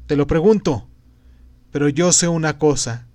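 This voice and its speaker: A man's voice: on the high side, moderate pace, darkish tone, no room sound, natural voice. A man reading aloud and voicing a sly, mocking male figure with emphatic taunts. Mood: taunting. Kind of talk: audiobook reading.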